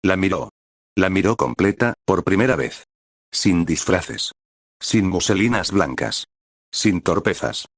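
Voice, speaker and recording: A man reading a dramatic story as scripted narration, in a measured manner. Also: sits low, animated, no echo, studio quality.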